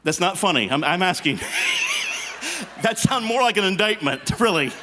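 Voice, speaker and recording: A man in his fifties performing clean stand-up comedy to a live audience, animated and teasing, putting questions straight to the crowd. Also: high-pitched, a little fast, background noise. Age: 50s. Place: live stage show before an audience.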